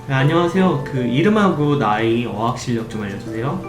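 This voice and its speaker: A man's voice: medium pitch, fairly quick, reverberant, over music, close to an everyday voice. A man voicing a blunt male working holiday counselor who gives matter-of-fact advice.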